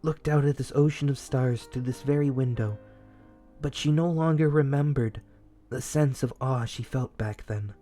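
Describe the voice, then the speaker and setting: A young man voicing a shy, dutiful young male general who reads a bedtime story aloud in a whispered role-play, soft, earnest and easily flustered. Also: medium pitch, moderate pace, soft background music, close to an everyday voice. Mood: gentle storytelling.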